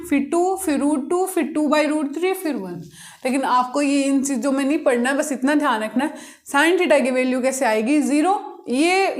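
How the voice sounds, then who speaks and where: A woman maths teacher explaining a lesson step by step, asking the class questions and answering them herself. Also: high voice. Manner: patient, repetitive step-by-step explaining. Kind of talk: blackboard-style maths lesson.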